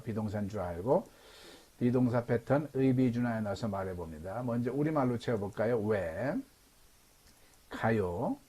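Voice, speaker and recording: A middle-aged man teaching English in an online lecture, explaining grammar step by step. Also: breathy edge. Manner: explains step by step, lively pitch. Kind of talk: Zoom lecture. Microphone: video call.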